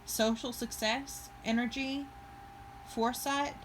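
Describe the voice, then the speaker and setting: A woman's voice: fairly high pitch, steady tone, slow pace, a little hiss or hum, rough recording. A woman giving a casual tarot reading to her viewers, chatty and thinking aloud with fillers and restarts. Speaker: tarot reader.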